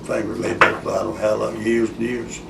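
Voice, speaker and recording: An elderly man telling a rambling grandpa story in casual, folksy, halting talk. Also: fairly low pitch, flat delivery, gravelly. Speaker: war veteran recalling his school days. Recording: echoey room, distant mic, loud hiss.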